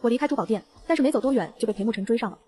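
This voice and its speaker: A woman narrating a novel in the first person, in a brisk, even storytelling read. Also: on the high side. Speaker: audiobook narrator.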